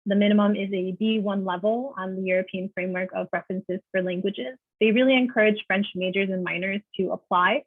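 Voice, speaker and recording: A woman giving a friendly, informative panel presentation on a video call, often pausing with "uh". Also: medium pitch, steady tone, no echo. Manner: friendly, informative, uses many "uh" fillers. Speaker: panelist presenting a teaching program. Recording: dry, phone-like video call audio.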